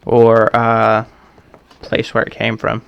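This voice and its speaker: A man commentating casually while playing a video game, slow and halting with fillers, coughing from the hiccups. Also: on the low side, monotone, gravelly, a bit bright, smooth. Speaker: game streamer.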